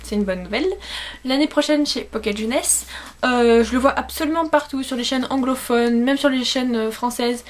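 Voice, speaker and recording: A woman's voice: a little high, normal speed. A young woman chatting informally in a book haul vlog, correcting herself and stressing her words with repeated intensifiers. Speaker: book vlogger.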